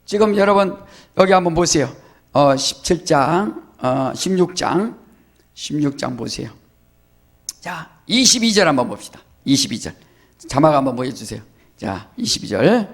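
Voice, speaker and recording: A man's voice: a little high, very animated, normal speed. A man preaching a sermon as pastor, who acts out the quoted speech of others and keeps asking the congregation questions.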